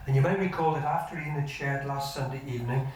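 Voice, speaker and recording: An older man preaching a sermon as pastor, earnest and measured, his sentences often sinking low at the end. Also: a little hiss or hum. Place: church hall. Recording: echoey church hall from far off.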